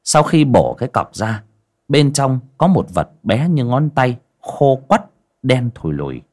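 A man narrating a horror story in a dramatic, expressive way. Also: mid-range voice, unhurried. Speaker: audiobook narrator.

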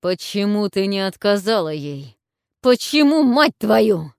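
A woman voicing a stern, menacing male warlord who speaks harshly and slowly. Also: mid-range voice, expressive, clean tone, no room sound, clean studio sound, natural voice. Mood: furious. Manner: harsh, growling, slow pressing speech.

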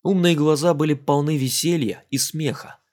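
A man narrating an adventure audiobook in a steady, even storytelling manner. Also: fairly high pitch, normal speed. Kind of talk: scripted narration.

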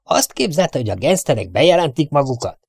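A strict old housekeeper nags and scolds in a prim, indignant tone, as a male reader puts her on. Her voice sits higher than his own and carries a gravelly rasp. The recording is close and dry, like a storybook read at home. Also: very animated, a little mellow, dry recording, exaggerated voice. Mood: scolding. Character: strict nagging older housekeeper woman.

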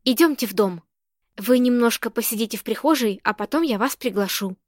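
A woman reading the lines of a composed young woman who speaks quietly and in a measured way. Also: fairly high pitch, dry recording, studio quality, lightly acted. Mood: calm.

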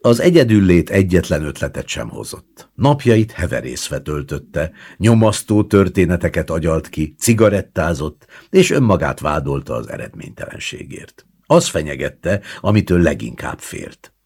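Very deep gravelly male narrator. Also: few pauses. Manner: expressive, dramatic reading with hushed asides. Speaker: audiobook narrator. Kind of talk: literary audiobook narration.

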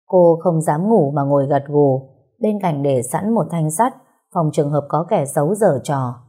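A woman reading a story aloud in a calm, steady, gently sad way. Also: deep voice, normal speed, slightly rough. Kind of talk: scripted story narration.

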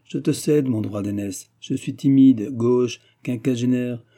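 A man's voice: medium pitch, unhurried, mellow, close to an everyday voice. A man doing a timid fretful elder brother. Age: 50s. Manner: fretful, pleading. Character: timid gentle older brother in his fifties.

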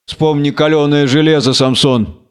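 A man's voice: on the high side, steady tone, normal speed, smooth, close to an everyday voice. Man doing a harsh commanding nobleman. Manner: barking orders. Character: stern red-haired nobleman, harsh and commanding.

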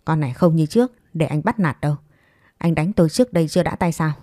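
A woman's voice: low-pitched, fast, mellow, dry recording, studio quality, close to an everyday voice. A woman voicing a resolute young mother in a read-aloud story, firm and earnest.

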